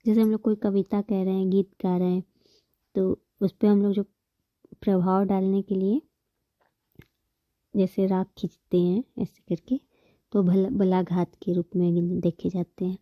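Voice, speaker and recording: A woman gives a patient grammar lesson, repeating each term and counting examples out loud. Her voice sits at an ordinary middle pitch. The recording is dry with a slightly dull, muffled tone. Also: little pitch movement, moderate pace, no room sound. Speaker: Hindi grammar teacher. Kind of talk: explanatory online lesson.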